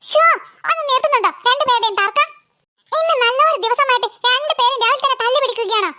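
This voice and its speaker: A woman's voice: very high voice, sharp tone, no echo, studio quality. A woman voicing a harried cartoon mother who scolds her bickering daughters. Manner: scolding, exasperated, sighing.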